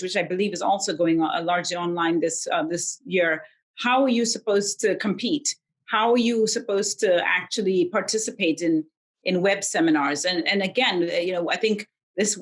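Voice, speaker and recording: Woman, from Zambia, middle pitch, video call guest, measured, hesitant restarts. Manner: measured, many ums and restarts. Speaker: guest economist. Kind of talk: remote interview answers.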